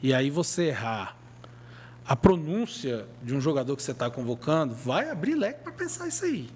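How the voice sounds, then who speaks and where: A Brazilian man co-hosting a casual sports podcast, talking with emphatic, colloquial energy. His voice sits a little high and swings widely in pitch as he makes his points. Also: very animated, moderate pace, darkish tone, a little hiss or hum. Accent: Brazilian Portuguese. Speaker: podcast co-host.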